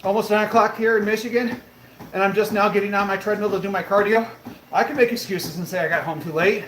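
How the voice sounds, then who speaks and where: This thirtysomething streamer speaks quickly in a high-pitched, slightly bright voice with fairly even intonation while walking on a treadmill at home. He reads viewer comments and answers them with motivational enthusiasm, against a roomy echo and faint background noise.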